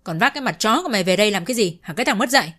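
A woman voicing a harsh elderly father who shouts and curses at his grown son. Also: medium pitch, lively intonation, racing. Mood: furious scolding. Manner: shouting, cursing. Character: harsh elderly father-in-law, furious, scolding.

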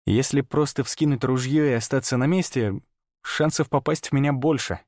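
A man narrates a first-person audiobook in a tense, hushed, steady voice. His pitch sits in an ordinary middle range. The recording is dry and close. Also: moderate pace, dry recording.

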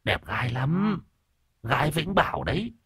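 A man voicing the bitter ghost of a miscarried child, speaking in a high, thin, drawn-out whine and cursing the family. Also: sing-song, a bit bright, breathy edge, dry recording, studio quality, heavily acted. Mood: sullen boasting. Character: wailing ghost of an unborn child, bitter, vengeful.

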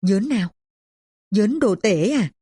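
A woman voicing a middle-aged neighbor who calmly passes on news and gossip. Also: fairly low pitch, moderate pace, slightly rough, dry recording, clean studio sound.

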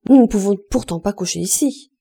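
A woman's voice: medium pitch, fairly even intonation, normal speed, dark tone, breathy edge, lightly acted. A woman voicing a fussy, angry married woman at a wedding, sputtering indignant complaints.

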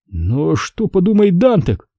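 A man voicing a frightened crewman in a deep-sea vessel who speaks in a hushed, anxious way. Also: wildly swooping pitch, slow, no echo, heavily acted. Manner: whispering, anxious.

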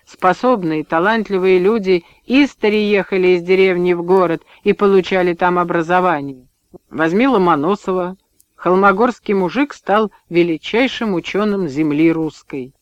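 A man voicing a calm, bookish young village husband who talks softly and without haste, in a dull, dry audiobook recording. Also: sits high, clean tone, dry recording, lightly acted. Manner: soft-spoken, unhurried.

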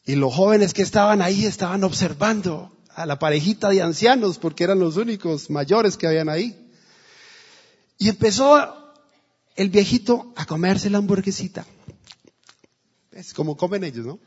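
A man's voice: high-pitched, normal speed, long pauses, slightly rough. A male pastor preaching a sermon in a church, telling a story and acting out the quotes. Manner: storytelling with acted quotes, emphatic. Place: church hall. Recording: dull, echoey church recording.

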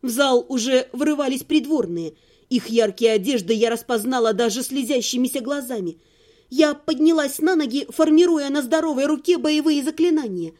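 High-voiced woman narrating an audiobook. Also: normal speed, darkish tone. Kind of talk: first-person audiobook narration.

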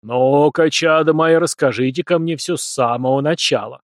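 A man voicing a stern old village priest who scolds slowly and loudly in a churchly way. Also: lively intonation, no echo, clean studio sound, natural voice. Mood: fatherly. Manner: booming, slow, churchly scolding.

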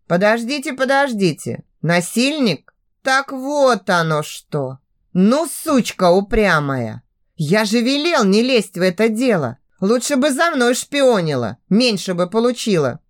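A woman's voice: a little high, very animated, measured pace. Woman putting on a cocky hot-tempered young man. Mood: furious. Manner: rough, mocking, drawn out.

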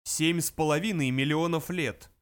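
A huge, self-assured supercomputer that speaks slowly and deliberately in a booming voice, as a man acts it in an audiobook. The voice sits a little high and fills every phrase with calm authority. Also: clear, resonant tone, lightly acted. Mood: measured.

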